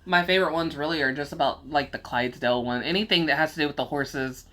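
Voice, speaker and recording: A woman co-host in a casual podcast chat, relaxed and a bit salty. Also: sits low, fast.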